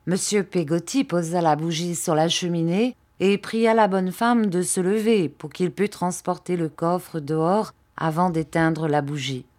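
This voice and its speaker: A woman narrating a classic novel as an audiobook reader, in a calm and measured reading. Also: fairly low pitch.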